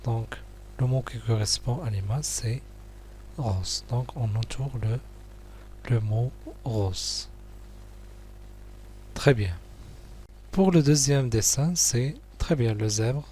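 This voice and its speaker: A man teaching young pupils, going slowly through a worksheet, repeating each word and praising answers. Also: medium pitch, dark tone, a little hiss or hum. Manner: slow, patient, repeats words and praises answers.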